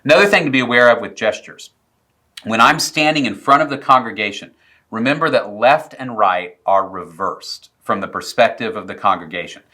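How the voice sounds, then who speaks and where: A man teaching preaching technique in a video lesson, explaining clearly and demonstrating vocal examples. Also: on the low side, animated, moderate pace, sharp tone. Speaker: preaching instructor.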